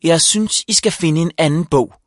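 A man voicing a brisk, impatient adult woman who works as a school librarian and speaks in curt, clipped lines. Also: fairly high pitch, no room sound, studio quality, voice pushed up, natural voice. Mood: uneasy. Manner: curt, clipped, counting down time.

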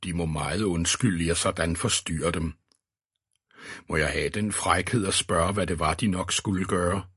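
A man reading as a deep-voiced, icily polite police chief. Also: a bit bright, husky, dry recording, studio quality. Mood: icy politeness. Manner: icily courteous, measured.

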